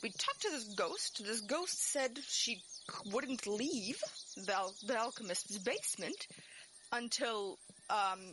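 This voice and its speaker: A woman's voice: on the high side, animated, slow pace. A woman playing a tabletop game, explaining at length in casual chat. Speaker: player. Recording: clear background noise.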